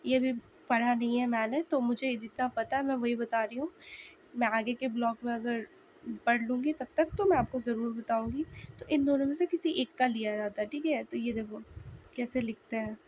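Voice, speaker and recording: Slightly hoarse woman teaching casually. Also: a little high, fairly even intonation, a little mellow, slight background noise, poor audio. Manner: chatty, addresses viewers directly, sounds out letters slowly. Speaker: language learner sharing notes. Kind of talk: casual video lesson.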